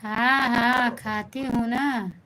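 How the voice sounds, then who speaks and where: Slow-talking Awadhi woman on a live stream. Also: a little high, steady tone, pushed and bright, rough recording. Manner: chatty and homely, greeting viewers and answering comments. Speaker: folk singer hosting a live stream. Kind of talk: casual live-stream chat with viewers. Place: at home at night, others asleep.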